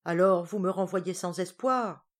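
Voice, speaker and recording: A woman reading aloud voices a gallant young man in love, earnest and flattering. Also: fairly low pitch, measured pace, lightly acted. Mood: ardent. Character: ardent young male painter, gallant.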